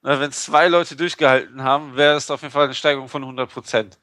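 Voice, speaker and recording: A man chats loosely on a podcast, joking and filling pauses with ums. His voice sits in the middle range and is recorded dry and close. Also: mid-range voice, steady tone, sharp tone, no echo. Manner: chatty, joking, full of fillers. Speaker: podcast co-host. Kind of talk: casual chat.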